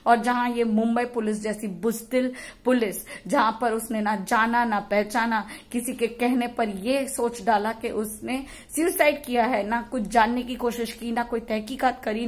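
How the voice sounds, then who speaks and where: A woman vlogger rants with fury and force, hurling insults at her critics. Her voice sits a little higher than most. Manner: mixes English phrases into Hindi. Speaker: YouTuber. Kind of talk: impassioned vlog rant.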